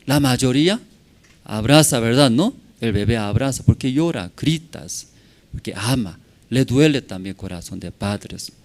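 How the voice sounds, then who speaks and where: Animated male pastor preaching a sermon. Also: medium pitch, unhurried. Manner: short simple phrases with constant tag questions to the congregation; swings between loud emphatic bursts and quiet asides. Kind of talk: Sunday sermon. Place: church service.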